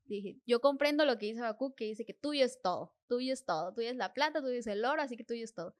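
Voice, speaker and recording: A young woman with a fairly high voice tells her faith testimony as a podcast guest. She speaks earnestly and replays her prayers as little conversations with God. The tone stays sincere and storytelling. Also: expressive, fast.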